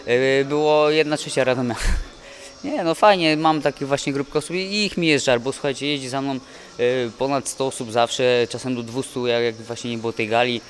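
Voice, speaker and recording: A young man, a boxer, speaking in a halting, dejected way with many restarts in a post-fight interview at an indoor event press wall. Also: medium pitch, a little hiss or hum. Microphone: handheld mic held by interviewer.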